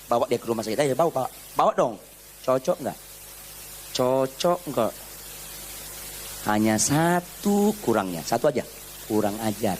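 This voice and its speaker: A male pastor preaching with animated swings, dropping low and then climbing to loud, high peaks. He acts out little scenes as he goes and slips into casual slang. A faint hiss sits under his voice. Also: moderate pace, long pauses. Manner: informal Jakarta slang mixed in. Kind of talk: sermon.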